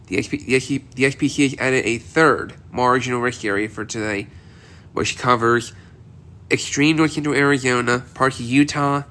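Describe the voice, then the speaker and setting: A man with a cold hosts a casual weather outlook video, his medium-pitched, sharp-toned voice stuffy and congested. He rambles, repeating himself and restarting often.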